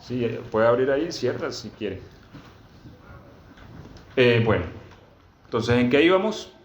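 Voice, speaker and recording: A man preaching a sermon to his congregation, reading scripture slowly and often asking them questions. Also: lively intonation, a little hiss or hum. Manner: peppers teaching with questions to the congregation; reads scripture aloud slowly and emphatically. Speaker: pastor. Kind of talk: sermon teaching. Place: church gathering with a congregation. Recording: roomy, dull low-fi sound.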